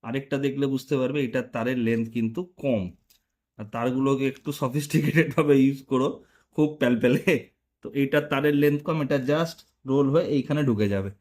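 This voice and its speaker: With a mid-range, slightly mellow voice and a brisk pace, a motorcycle vlogger narrates a hands-on tutorial. He walks viewers through each step casually and informally.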